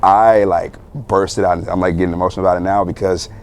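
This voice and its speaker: Deep-voiced young man telling a story. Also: fairly quick, slight background noise. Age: young adult. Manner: animated, laughing retelling with many fillers. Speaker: guest. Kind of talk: casual storytelling interview.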